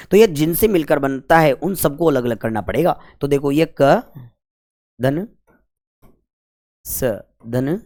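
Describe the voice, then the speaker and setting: A man's voice: a little high, a little mellow. Male tutor, whiteboard lesson, repeats each question and answer. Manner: repetitive call-and-response questioning, colloquial 'apan'. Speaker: Hindi grammar teacher.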